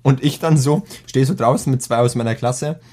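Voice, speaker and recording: A teenage boy chatting casually as a podcast co-host, telling a school story in slangy, animated fashion. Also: medium pitch, a little fast. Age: teens. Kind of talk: casual chat.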